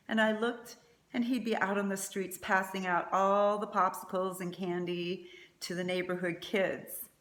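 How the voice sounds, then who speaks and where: A woman's voice: on the low side, fairly bright tone. Faltering, tender woman in an echoey room. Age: middle-aged. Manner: faltering, tender eulogy delivery. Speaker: mother giving a eulogy. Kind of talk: prepared eulogy speech.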